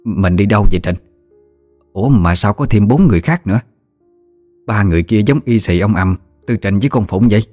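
Man doing a blunt old countrywoman, low voice, faint music. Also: brisk, a little mellow, close to an everyday voice. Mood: blunt, marveling. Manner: blunt, exclaiming, rustic speech. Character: fiery old great-aunt, blunt and outspoken.

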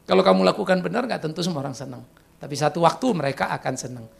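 A middle-aged pastor preaches to young people in a lively, joking way. His voice sits high for a man and has a gravelly edge. He drops into slangy asides now and then. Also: racing. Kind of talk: sermon to youth.

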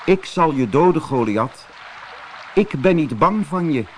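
A man's voice: a little high, unhurried, a little hiss or hum, pitched above the performer's own voice. A man voicing a young shepherd who speaks steadily and without fear, in a raised boyish voice. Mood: resolute. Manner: steady, resolute. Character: calm brave shepherd boy.

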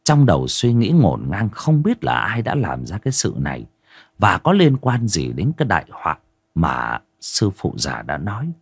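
A man narrating a horror audio story in a dramatic, expressive storytelling way. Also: low-pitched, normal speed, gravelly, breathy edge, no room sound. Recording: dry close recording with faint music.

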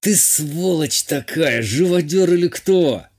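A man's voice: fairly high pitch, animated, normal speed, a little mellow, voice pushed up. A man voicing a wounded, irritable former galley captain in a fantasy audiobook, speaking in a strained, curt way. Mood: angry.

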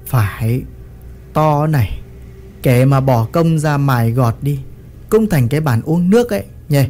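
A man's voice: medium pitch, lively intonation, unhurried, darkish tone, a little hiss or hum, close to an everyday voice. A man voicing a coarse, hot-tempered old village husband who talks bluntly and threatens. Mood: offhand.

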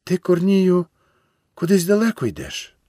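A man reading a storybook and voicing a frail, gentle old peasant woman in a raised, plaintive voice. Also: sits high, wildly swooping pitch, unhurried, dry recording, studio quality, voice pushed up, heavily acted. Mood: worried.

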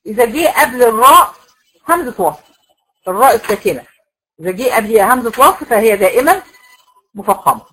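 A woman with an Egyptian accent teaches a recitation class in a slightly high voice. She lays out each rule in careful steps, throwing questions to her women students and answering them herself. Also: animated, fast, pauses often, a bit bright, husky, poor audio. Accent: Egyptian Arabic. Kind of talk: classroom lecture.

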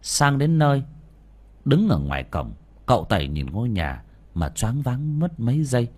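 A man narrating a ghost story in a dramatic, animated way. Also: medium pitch, normal speed, breathy edge.

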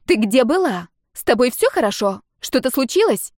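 A woman voicing a shrill, indignant girlfriend. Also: sing-song, moderate pace, darkish tone, no echo, clean studio sound. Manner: shrill, exclaiming, scolding. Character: young woman friend, shocked and indignant.

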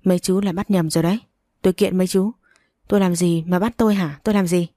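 A woman's voice: fairly low pitch, fairly even intonation, fast talker, mellow, dry recording, clean studio sound, close to an everyday voice. Woman doing a blustering indignant man.

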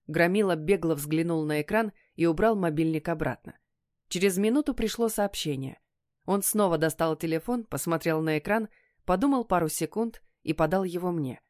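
A woman narrating a first-person audiobook in an emotional, expressive way. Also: lowish voice, moderate pace, dry recording, clean studio sound.

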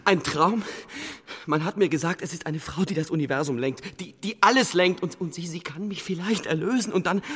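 An actor playing a troubled young king in a radio drama, halting and pleading as he stammers out his fears. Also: high voice, fairly bright tone, slightly rough, in a large hall. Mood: anxious.

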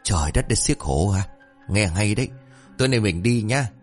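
Man voicing a gruff old village sorcerer in a storybook tale, curses fast, lively rising and falling tone, soft music underneath. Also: lowish voice, natural voice. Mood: eager.

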